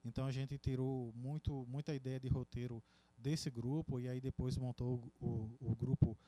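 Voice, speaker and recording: A man's voice: medium pitch, little pitch movement, moderate pace, mellow, no echo. A man co-hosting a podcast in casual chat, rambling with many restarts. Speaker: podcast co-host.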